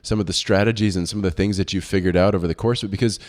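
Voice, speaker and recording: A man hosts a business podcast, opening the conversation in an upbeat, welcoming way. His voice is a little low and relaxed, and he leans on casual fillers like "uh" and "kinda.". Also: very fast. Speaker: podcast host. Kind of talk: interview hosting.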